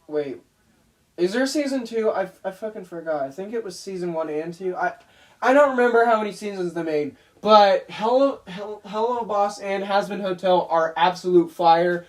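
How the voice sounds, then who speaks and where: Rambling young man reacting with laughs. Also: sits high. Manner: laughing, rambling, self-mocking. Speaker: YouTube animator reacting to his old videos. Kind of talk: casual reaction commentary.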